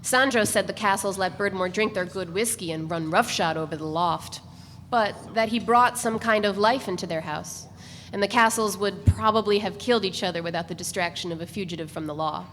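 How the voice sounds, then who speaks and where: At a live reading in an event space, a woman narrates a novel in a measured, steady voice. Her pitch sits in the middle range. Long room echo and a faint background hiss surround her.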